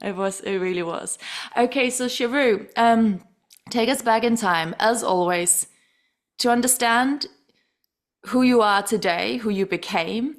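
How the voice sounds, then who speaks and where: A woman's voice: on the high side, measured pace. A woman from Denmark hosting a podcast interview, effusive and full of fillers and restarts. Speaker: podcast host. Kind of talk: warm interview chat.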